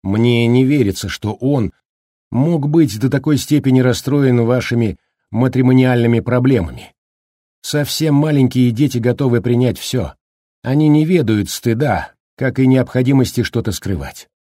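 A man voicing a calm, measured male doctor in an audiobook thriller, speaking in a slightly raised, husky voice. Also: medium pitch, no echo, studio quality, lightly acted. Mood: calm explaining. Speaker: doctor in the story. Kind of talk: audiobook character reading.

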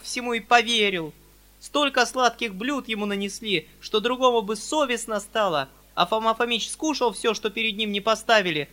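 A man's voice: very high-pitched, voice pushed up. A man putting on a fiery young girl. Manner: shouting, indignant, tearful pleading. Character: fiery outspoken young girl defending her father.

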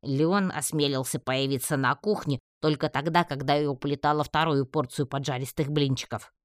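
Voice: mid-range voice, fairly even intonation, moderate pace, no room sound. Audiobook narrator, dry close sound. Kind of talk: first-person audiobook narration.

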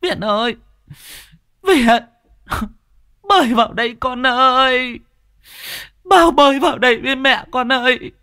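Guy putting on a wailing old village mom, super high and shrill, keening, dry close sound. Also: a little slow, pauses often, sharp tone, clean tone, dry recording, heavily acted. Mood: wailing grief. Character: wailing grief-mad old village mother.

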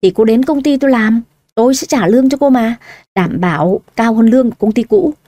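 A young male director, calm and scheming as he talks someone round, as a female storyteller reads him. The voice stays mellow and fairly high. It is recorded dry and close. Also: a little fast, no echo. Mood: persuasive.

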